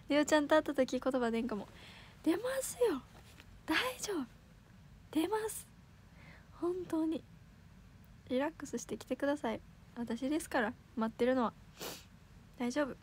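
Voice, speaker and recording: A teenage girl with a Kansai accent, hosting a casual livestream, chatty and giggly, reading comments aloud and correcting herself quickly. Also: high voice, a little mellow, a little hiss or hum. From Osaka, Japan. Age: teens. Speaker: idol livestream host.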